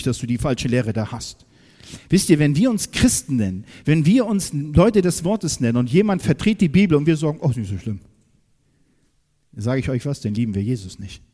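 A man delivers an emphatic, direct sermon, asking his listeners questions and swinging between loud outbursts and quiet, low asides. The audio has a long reverb tail.

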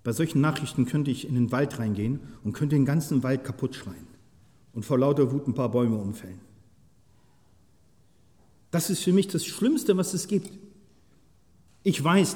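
Impassioned preacher in a reverberant hall. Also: male voice, medium pitch, expressive, moderate pace. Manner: impassioned, swings from soft to loud shouting; asks the listeners many direct questions. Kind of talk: sermon.

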